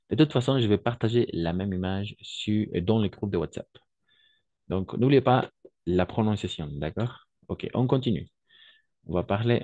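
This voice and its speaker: A man's voice: on the low side, dark tone, dry recording, dull audio. A man teaching a French lesson online, patiently repeating examples and often checking that his students follow.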